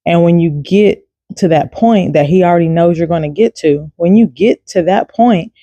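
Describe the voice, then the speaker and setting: Woman vlogger talking faith, relaxed and conversational, warm timbre, dry recording. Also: lowish voice, moderate pace, no echo, muffled recording. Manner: chatty and informal, many fillers. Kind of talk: casual devotional talk to camera.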